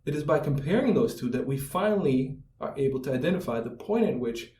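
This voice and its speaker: Here the same kind of academic writing lesson comes from a man whose voice sits a little high, brisk and warm with lively intonation. He explains over slides one step at a time, frequently asking "right?", in a roomy, echoing space captured by a far-off mic with faint background music.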